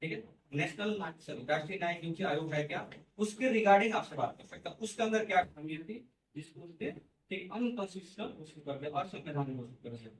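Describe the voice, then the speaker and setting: A man lectures to a classroom, talking through each point step by step and checking in with his students as he goes. His voice sits high for a man. He has no microphone, so he sounds distant and the room echoes around him. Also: animated, fast talker. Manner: explains step by step, repeats "theek hai" and "hai na". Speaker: teacher. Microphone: no microphone, far from the recorder.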